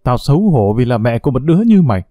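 A man's voice: medium pitch, very animated, fast talker, dry recording, lo-fi sound, lightly acted. A man voicing a furious, contemptuous middle-aged mother who scolds her children. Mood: scolding.

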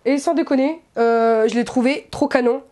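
Excitable high-voiced French vlogger woman. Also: normal speed. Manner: chatty, excitable, fillers and self-mocking asides. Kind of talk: casual haul vlog. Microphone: camera set back.

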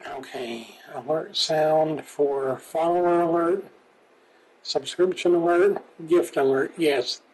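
A man's voice: fairly high pitch, takes it slowly, darkish tone, breathy edge, poor audio. Chuckling man streaming a game. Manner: reads in-game text aloud, chuckles often. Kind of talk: casual gameplay commentary.

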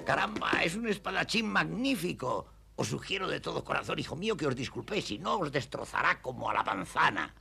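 An actor voicing a fussy, money-minded middle-aged innkeeper in a dubbed cartoon, fretting over costs. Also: male voice, fairly high pitch, sing-song, brisk, creaky, pushed and bright, faint music behind, exaggerated voice. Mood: fretful. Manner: fretful, mercenary.

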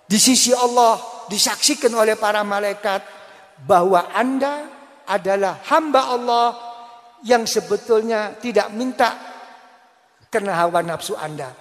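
A male preacher with a Javanese accent delivers a sermon in an unusually high voice, slow and emphatic, repeating key words and asking the congregation questions. His voice rings with the long reverb of a large hall. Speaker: Islamic preacher.

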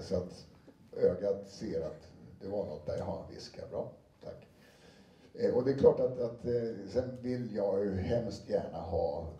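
A man's voice: fairly low pitch, warm tone. A man who reads audiobooks gives an anecdotal talk to an audience, chatty and full of fillers and restarts. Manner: conversational, many fillers and restarts, briefly acts out quotes. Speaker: audiobook narrator giving a talk. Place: lecture room with an audience. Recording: roomy sound from a distant mic.

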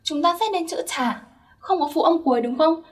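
A woman's voice: high-pitched, lively intonation, moderate pace, distant mic. A young woman teaching Korean grammar step by step, patiently checking that her listeners follow. Her first language is Vietnamese.

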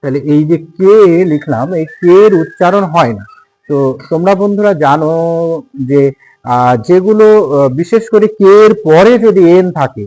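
Teacher, male, fairly high voice, patient repetitive lesson delivery with many "uh" pauses. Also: expressive, a little mellow, soft background music, low-quality recording. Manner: repeats words slowly and spells them out letter by letter; frequent hesitation fillers. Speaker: English teacher. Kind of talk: spelling and pronunciation lesson.

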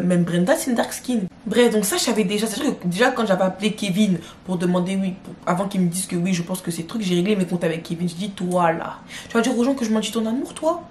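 Speaking straight to her audience, a young woman vlogger gives a lively, casual, slang-filled retelling of some drama. Her pitch is mid-range, and the audio carries slight background noise and a roomy echo.

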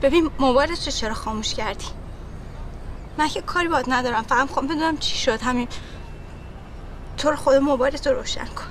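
A woman's voice: high voice, long pauses, slight background noise, natural voice. An actress playing an anxious young woman who presses hard with demanding questions, in a film drama. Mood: urgent, pressing. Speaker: young woman searching for a friend.

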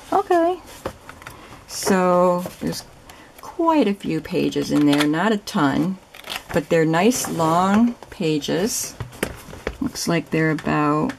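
A woman's voice: low-pitched, vocal fry, slight background noise. An older woman and grandmother chatting casually through her flea market haul, rambling and a bit tired from lack of sleep. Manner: chatty, meandering, yawning.

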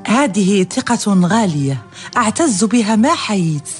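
A woman's voice: medium pitch, very animated, moderate pace, lightly acted. Actress as a devoted, emphatic woman innkeeper over music. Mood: deferential, eager. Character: devoted, grudge-bearing woman overseer of an inn. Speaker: actor in a historical radio serial. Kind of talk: radio drama acting in formal Arabic.

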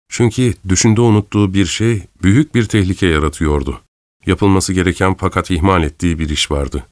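A man reading an audiobook aloud in measured, dramatic scripted narration. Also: deep voice, a little mellow, no room sound. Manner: measured, dramatic storytelling, voicing characters' lines lightly.

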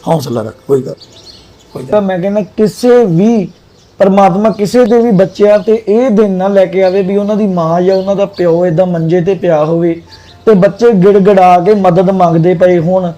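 A man in a charity video, gently questioning and comforting a crying child in a soft, coaxing way. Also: high-pitched, fairly even intonation, normal speed. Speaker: charity worker interviewing a child.

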